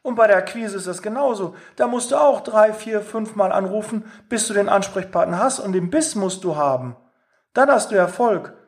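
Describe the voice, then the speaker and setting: A man's voice: high-pitched, animated, normal speed. A man giving a direct, emphatic motivational talk on sales, acting out quoted phone calls. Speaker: sales coach.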